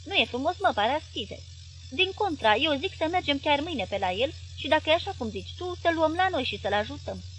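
Narrating an audiobook, a woman voices a wife who pleads with her husband in a sweet, coaxing, high-pitched tone. The delivery is loud and lively, with a faint hiss in the background.

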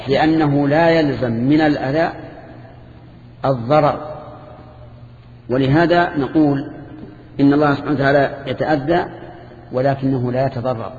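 An older man teaching a lesson to students, explaining a classical text in a measured way with restarts and questions to the class. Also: medium pitch, a little mellow. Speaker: teacher of Islamic creed. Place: lecture hall with students. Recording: echoey hall, dull lo-fi tape with faint hiss.

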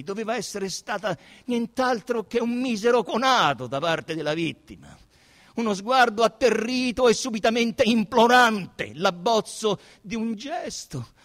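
An actor with a Roman accent and a high-pitched voice gives an intense, theatrical reading of a literary novel, swinging from hushed murmurs to loud declamation.

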